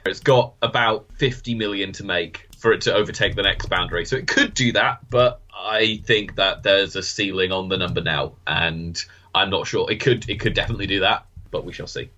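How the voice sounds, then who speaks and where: A man's voice: deep voice, a little fast, sharp tone, dull audio. A British man co-hosting a podcast in casual chat, with a dry, matter-of-fact delivery. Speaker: podcast co-host.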